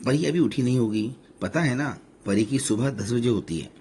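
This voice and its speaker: A man voicing a gentle middle-aged husband who patiently soothes his wife. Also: mid-range voice, animated, moderate pace, husky. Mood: soothing.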